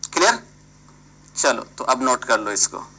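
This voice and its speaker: Guy teaching engineering online, super bright tone, keeps calling on students, mixes english words in. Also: mid-range voice, big pitch swings, measured pace, slightly rough, low-quality recording. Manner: scolding, prodding students by name; mixes English terms into his talk. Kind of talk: online classroom lecture.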